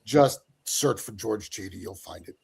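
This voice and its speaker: A man in his fifties chats as a guest on a video call, with a wry, self-mocking manner. His voice has a gravelly edge. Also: fairly low pitch, lively intonation, normal speed, a little mellow. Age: 50s. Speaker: guest, reporter. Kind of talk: casual chat.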